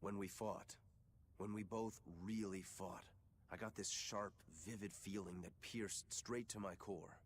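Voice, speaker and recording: A man's voice: lowish voice, steady tone, measured pace, a little hiss or hum, close to an everyday voice. A man playing a blunt young swordsman. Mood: calm.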